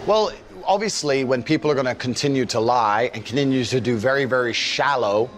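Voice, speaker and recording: A man's voice: medium pitch, fairly quick, a bit bright, slight background noise. A man answering interview questions defensively and emphatically, for a documentary. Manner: defensive, emphatic, rising to indignation.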